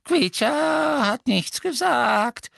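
A man voicing a bitter old male house-elf servant who mutters insults under his breath in a high, thin voice. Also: lively intonation, drawn-out words, vocal fry, fairly bright tone, dry recording, clean studio sound, heavily acted. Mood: muttering spite. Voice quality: muttering, wheedling, high and far-off. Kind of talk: audiobook character voice.

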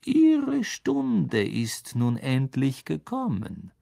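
A reader voicing a cold, sarcastic male teacher who speaks slowly in a low, hissing tone. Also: huge pitch swings, creaky, warm tone, heavily acted. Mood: sneering.

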